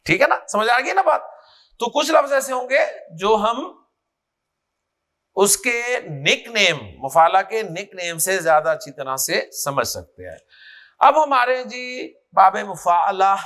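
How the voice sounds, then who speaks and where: Slow, bright-voiced teacher. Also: male voice, high-pitched, animated. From Pakistan. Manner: slow, drawn-out, calls on students by name. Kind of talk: classroom grammar lecture.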